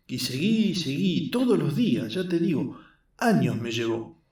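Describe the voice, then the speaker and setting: A man's voice: expressive, a little slow, darkish tone. A man voicing an earnest, skinny young man, explaining his craft patiently. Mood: confiding. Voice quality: squeaky. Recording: roomy echo, mic at a distance.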